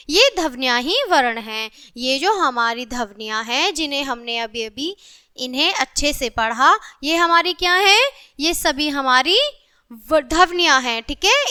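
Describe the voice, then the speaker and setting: A woman's voice: high-pitched, pushed and bright. A woman teacher giving a patient grammar lesson to young children, often calling on them and slipping numbers into her speech. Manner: mixes English numbers into Hindi.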